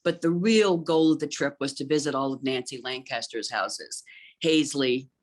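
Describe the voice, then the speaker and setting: With a bass voice and a moderate pace, a middle-aged woman chats about gardens. She's an interior designer, and her talk is thoughtful and fluent, dotted with plenty of ums.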